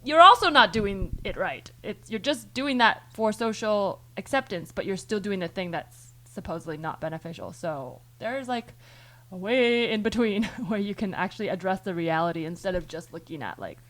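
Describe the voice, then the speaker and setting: A woman's voice: mid-range voice, animated, normal speed, pushed and bright. Woman host, casual chat, rambling restarts, mid-range voice. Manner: thinking aloud in long rambling turns with many restarts, sometimes swearing. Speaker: podcast host.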